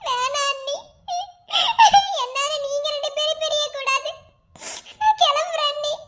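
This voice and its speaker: A weeping young cartoon woman voiced by a woman who begs her brother and sister-in-law in a high, bright, tearful voice, with pleading breaks. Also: unhurried, heavily acted. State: crying. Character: young woman leaving in tears, self-blaming.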